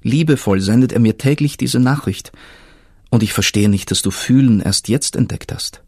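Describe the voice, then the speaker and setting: A man voicing an ancient, patient, all-knowing river spirit in a storybook reading, speaking in a solemn murmur with a husky tone. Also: mid-range voice, normal speed, a little mellow, no room sound, clean studio sound, lightly acted.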